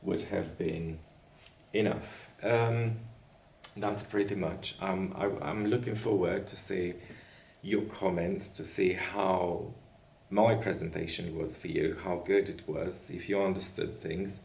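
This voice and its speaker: Deep gravelly man, unhurried teacher, echoey room, distant mic. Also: steady tone, darkish tone, slight background noise. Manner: repeats "okay?" after each point, spells out endings slowly. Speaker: language teacher. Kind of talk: slow grammar lesson with board work.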